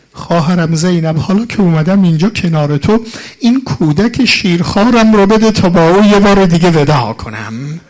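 A man delivers a mourning sermon in a slightly high voice and weaves chanted Arabic passages into his narration. His delivery swings between hushed, near-whispered storytelling and loud, impassioned lament. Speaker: preacher.

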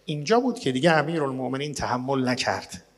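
Husky-voiced man preaching in a reverberant hall. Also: expressive. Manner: dramatic, swinging from loud declaiming to hushed low tones. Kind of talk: sermon reading and translating Arabic sources. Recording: long reverb, as in a large hall.

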